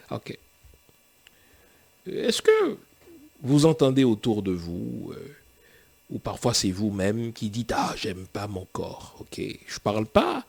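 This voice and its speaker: A man preaches in a slow, deliberate way. His pitch rises and falls widely as he puts rhetorical questions to his listeners and chuckles between points. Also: gravelly, a little mellow, husky. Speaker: pastor and theologian hosting a show. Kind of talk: sermon-like talk to viewers.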